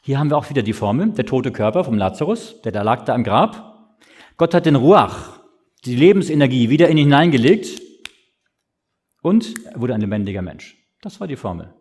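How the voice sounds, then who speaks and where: A man preaching a sermon, asking questions and answering them himself in a slow, explaining way. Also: medium pitch, very animated, darkish tone, slightly rough.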